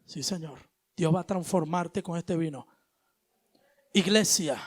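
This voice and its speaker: A male preacher giving an animated sermon, moving between loud exhortation and hushed asides, with casual slang. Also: fairly high pitch, measured pace. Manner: colloquial, uses street slang.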